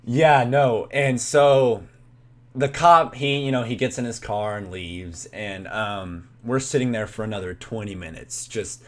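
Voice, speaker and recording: A man's voice: fairly low pitch, measured pace. A young man casually telling a story, rambling with lots of "like" and restarts. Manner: rambling, heavy use of "like" and restarts.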